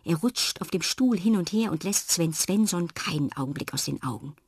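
Low, husky woman reading a children's story. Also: normal speed, no room sound, clean studio sound. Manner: calm, expressive reading.

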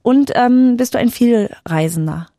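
Female radio host, gravelly edge, dry studio mic, joking and relaxed with callers. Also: a little high, no room sound. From Saxony-Anhalt, Germany. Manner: playful, joking, drawn-out hesitations. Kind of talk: casual late-night radio chat.

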